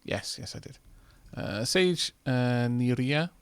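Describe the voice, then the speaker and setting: A man's voice: mid-range voice, animated, takes it slowly, clear, resonant tone, no echo. A man, streaming a game in casual commentary, reading game text aloud with wry muttered asides. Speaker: streamer playing a video game. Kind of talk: casual let's-play commentary.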